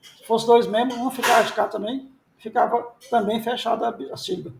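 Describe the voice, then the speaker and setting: A man's voice: very high-pitched, fairly even intonation, a little fast, gravelly, background noise. A man, a pastor teaching biblical Hebrew in a lecture, repeating key points and answering his own questions. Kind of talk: classroom lecture.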